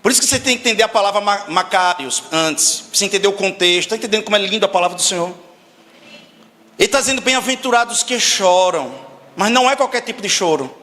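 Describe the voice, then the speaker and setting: A man's voice: high voice, expressive, fast, sharp tone, long reverb tail. A man preaching a sermon as pastor, emphatic and constantly asking the congregation questions.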